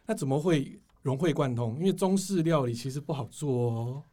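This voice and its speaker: Fast-talking Taiwanese man hosting. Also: a little high, expressive, warm tone. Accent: Taiwanese Mandarin. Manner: chatty and supportive, frequent agreeing interjections. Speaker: interview host. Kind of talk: casual interview chat.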